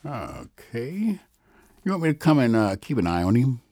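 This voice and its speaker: A man's voice: medium pitch, big pitch swings, normal speed, warm tone. A man voicing a dry, sarcastic male sidekick who teases. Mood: wry. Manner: wry, teasing.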